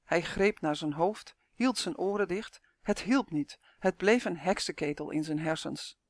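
A narrator reading a children's novel aloud in a steady, even storytelling manner. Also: mid-range voice, measured pace, dry recording, clean studio sound. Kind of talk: audiobook narration.

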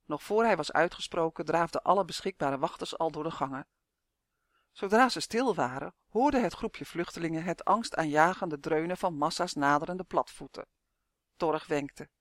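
Male audiobook narrator, high voice, lively, dry close recording. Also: no echo. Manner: lively, expressive storytelling. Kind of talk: scripted narration of a children's fantasy audiobook.

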